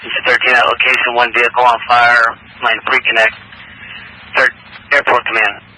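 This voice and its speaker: A man's voice: medium pitch, monotone, moderate pace, bright, forceful tone, a little hiss or hum, poor audio. A man dispatching emergency crews over radio in clipped phrases, repeating key information.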